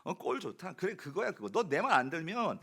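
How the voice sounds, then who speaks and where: A man's voice: high-pitched, very animated, brisk, gravelly, a bit bright, husky, heavily acted. A pastor acting out an exasperated male shepherd who nags and sarcastically scolds a lost sheep. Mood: scolding.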